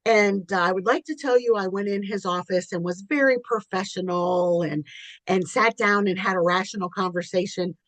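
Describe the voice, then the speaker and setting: A woman's voice: mid-range voice, moderate pace, no room sound, rough recording. A woman co-hosting a podcast, telling a personal story in candid casual chat, often laughing. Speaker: podcast co-host.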